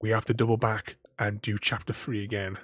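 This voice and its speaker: A man's voice: lowish voice, level tone, a little fast, a little hiss or hum. A man chatting casually on a gaming livestream. He stutters and repeats words, laughs often and keeps thanking his viewers. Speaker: gaming streamer.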